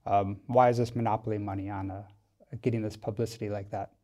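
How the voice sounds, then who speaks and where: The speaker is a tech company founder from Wisconsin in the United States, a podcast guest in a studio giving casual interview talk. A fast talker with a lowish, level, mellow voice, he explains things thoughtfully and with a hesitant delivery.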